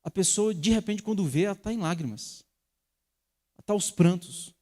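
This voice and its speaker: Male pastor, sermon, very lively pitch swings, emphatic peaks. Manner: animated preaching with sharp emphatic rises. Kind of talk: sermon teaching.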